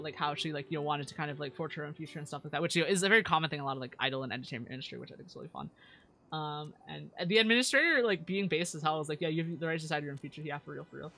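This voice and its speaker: Bright, stammering young-sounding woman streamer, cute anime style. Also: sits low, very fast, soft background music. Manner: stammering, repeats words. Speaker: live streamer, VTuber. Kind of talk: casual livestream chat over a game, reading viewer comments.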